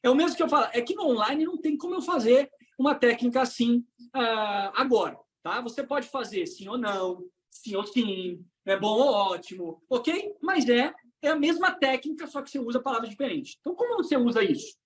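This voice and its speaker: A woman with a Brazilian Portuguese accent giving an online coaching talk for trainers, swinging between loud emphasis and hushed low phrases. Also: animated, brisk. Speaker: trainer and motivational speaker.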